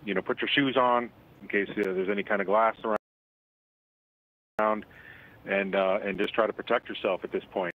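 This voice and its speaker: Man on a phone call into the news, lowish voice, serious forecaster type, bit halting. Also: steady tone. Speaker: senior weather forecaster, phone guest. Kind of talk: live news phone interview. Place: indoors at a forecast office. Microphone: telephone. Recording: band-limited phone line.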